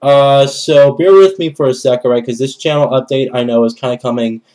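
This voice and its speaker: A young adult man, stuffy and nasal with a cold, talks fairly quickly in a medium, slightly mellow voice. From a small bedroom indoors, the gaming vlogger chats to camera in a casual, rambling channel update.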